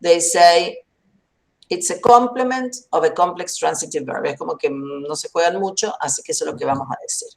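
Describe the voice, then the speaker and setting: A woman's voice: fairly low pitch, normal speed, creaky, darkish tone. A woman teaching a university grammar class online. She explains methodically, works through examples and checks that students understand. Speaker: grammar lecturer. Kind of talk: university lecture.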